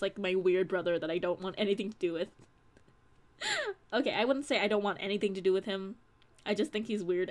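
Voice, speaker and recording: A young woman streaming live, chatting casually and reading her chat aloud in a bubbly, rambling, giggly way. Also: medium pitch. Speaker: audio creator streaming live.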